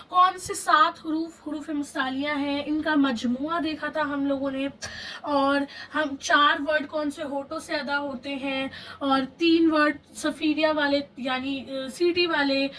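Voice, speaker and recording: A woman teaching a Quran reading lesson step by step, patiently repeating terms and slowing down on key phrases. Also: high voice, fairly bright tone, distant mic, a little hiss or hum, low-quality recording. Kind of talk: online lesson, explaining step by step.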